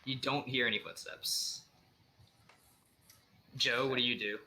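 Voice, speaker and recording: A man narrating a tabletop role-playing game as dungeon master, relaxed and full of fillers and restarts. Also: medium pitch, a little slow.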